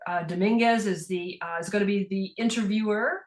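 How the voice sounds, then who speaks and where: A woman's voice: medium pitch, fairly quick. A woman moderating a panel discussion over a video call, friendly and organized.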